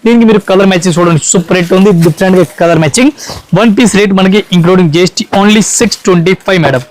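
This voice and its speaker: Rapid high-voiced salesman. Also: poor audio. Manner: rapid repetitive sales patter. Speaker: saree shop salesman. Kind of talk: product showcase pitch.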